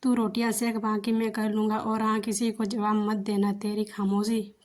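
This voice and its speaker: A woman voicing a calm, kindly older father-in-law in a narrated story, in her own flat voice. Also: medium pitch, moderate pace, close to an everyday voice. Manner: gentle, mildly irritated.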